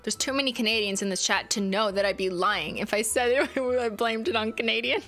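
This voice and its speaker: Speaking briskly in a fairly high voice over music, this young adult livestream host reads her chat aloud with lots of teasing and laughter. She's indoors in a home streaming room, using a studio microphone mounted on a boom arm.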